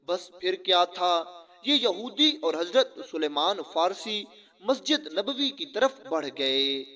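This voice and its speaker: A man's voice: high-pitched, sing-song, bright, forceful tone. A man narrating a religious story in a reverent, earnest way, with frequent honorifics.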